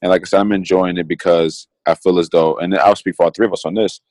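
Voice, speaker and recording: A young man in his twenties speaks with a very low, deep voice, close and dry with no room sound. He co-hosts a casual podcast, talking earnestly and reflectively and circling back over his own phrases as he thinks aloud. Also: steady tone, fast talker, a little mellow, no echo. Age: 20s. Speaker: podcast co-host.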